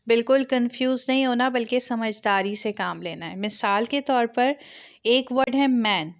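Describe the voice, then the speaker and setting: A young woman teaching an English grammar lesson, explaining patiently with many examples and mixing Hindi with English words. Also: a little high.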